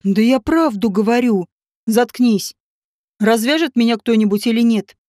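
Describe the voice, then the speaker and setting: Lady doing an angry cursing guy, barks orders, dark tone. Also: fairly high pitch, moderate pace, no echo, studio quality, close to an everyday voice. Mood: furious. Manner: shouting, rough, impatient. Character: angry bossy man, quick to curse.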